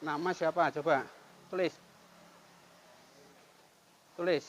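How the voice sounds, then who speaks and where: A man talks calmly and coaxingly to someone on a roadside, repeating soothing phrases. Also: a little high, takes it slowly. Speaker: volunteer caring for a homeless man. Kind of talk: filmed street outreach, talking to a man on camera. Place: roadside outdoors near a market. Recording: outdoor traffic and insect noise.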